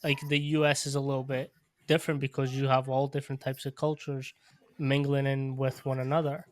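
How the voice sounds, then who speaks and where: Flat-voiced male podcast host from Portugal. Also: mid-range voice, dry recording, clean studio sound. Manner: measured, reflective, restarts his phrases. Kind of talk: casual interview conversation. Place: podcast studio.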